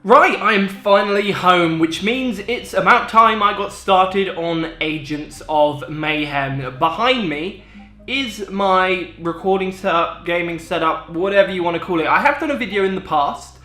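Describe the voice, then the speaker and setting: A young British man with a slightly high voice talks in a casual, chatty vlog style. He explains things informally, and the room around him is very echoey, picked up by an on-camera mic. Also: a little slow, pushed and bright, faint music behind. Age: 20s. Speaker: gaming video creator. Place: echoey room in parents' house. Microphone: on-camera shotgun mic.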